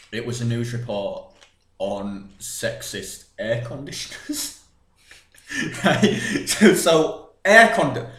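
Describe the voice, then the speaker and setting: Young man, casual podcast chat, teasing, blunt, sweary, mid pitch, echoey room. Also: a bit bright. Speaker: podcast co-host.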